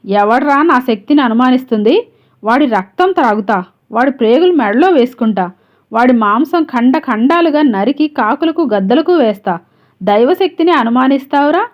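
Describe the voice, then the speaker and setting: A woman's voice: sits high, animated, moderate pace. A woman reading the lines of a furious, possessed village woman who rants threats, in a dull lo-fi recording. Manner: threatening rant. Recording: dull lo-fi audio.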